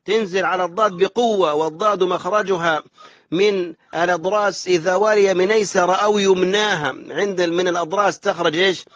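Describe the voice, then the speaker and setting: High-voiced sheikh teaching recitation. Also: male voice, fairly even intonation, a bit bright, no echo, highs cut off. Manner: corrects common mistakes, then slowly chants the verse. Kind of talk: religious lesson on correct recitation.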